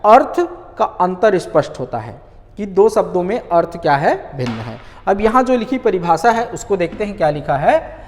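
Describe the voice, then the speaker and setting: Man teaching grammar, lively pitch, echoey. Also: a little hiss or hum. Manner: asks rhetorical questions and answers them himself; repeats key words slowly for emphasis. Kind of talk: online grammar lesson.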